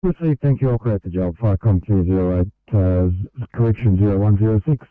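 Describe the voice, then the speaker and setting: Low-voiced male dispatcher over crackly radio. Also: fairly quick, no room sound. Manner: clipped, courteous, procedural. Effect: crackly two-way radio. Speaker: fire communications dispatcher. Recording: narrow, crackly radio channel.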